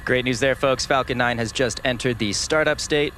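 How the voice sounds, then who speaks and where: A man hosting a live launch webcast with measured, explanatory commentary. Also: mid-range voice, bright, forceful tone, slight background noise.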